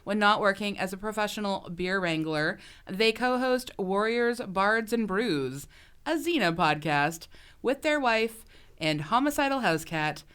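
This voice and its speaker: Woman host, very clear and bright voice, low-ish pitch, casual chat. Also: lively intonation, unhurried. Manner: enthusiastic, frequent fillers. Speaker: podcast co-host.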